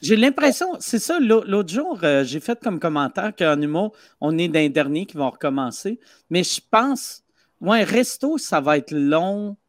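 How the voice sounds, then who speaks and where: A man's voice: high voice, very animated, unhurried, dry recording. A man with a Québécois French accent co-hosting a call-in podcast in a studio, joking and laughing often. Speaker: podcast co-host. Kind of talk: casual call-in chat. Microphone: studio mic.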